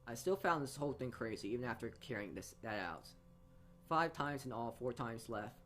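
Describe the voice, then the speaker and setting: Speaking at a moderate pace, this man reads a visual novel for a gaming video in an expressive, mid-range, fairly bright voice. He makes casual asides and often repeats or stumbles over words. Slight background noise is present, and game music plays behind him.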